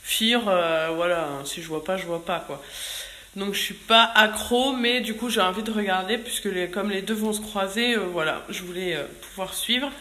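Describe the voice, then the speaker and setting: Chatty French mom vlogging at home. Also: female voice, mid-range voice, normal speed, bright, forceful tone, reverberant. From France. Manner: chatty, full of fillers and restarts. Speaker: family vlogger. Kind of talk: casual vlog chat. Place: home kitchen. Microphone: handheld phone camera.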